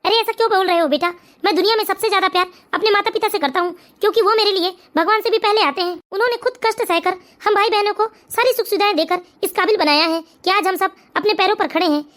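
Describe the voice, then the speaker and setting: A performer with a very high voice playing a dutiful grown son and father in an animated family story, earnest and lecturing. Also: quick pace. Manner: earnest, turns stern and lecturing. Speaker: cartoon character.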